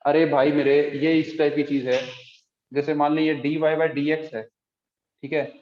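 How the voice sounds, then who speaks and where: Recorded in an echoey room with dull lo-fi sound and a little hiss or hum, this clip features a male math teacher lecturing on calculus. His voice is a little high, level in tone and moderate in pace. He explains step by step and frequently asks if the students follow.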